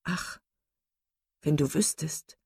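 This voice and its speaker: A woman's voice: deep voice, slow pace, creaky, husky, no room sound, studio quality, exaggerated voice. A woman voicing an earnest, composed young sister. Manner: earnest, gently firm.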